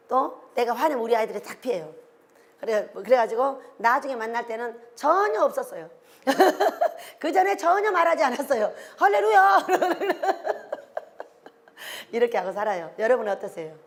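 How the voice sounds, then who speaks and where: High, lively older woman preaching. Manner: animated, exclaiming, firing questions at the congregation. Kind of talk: sermon.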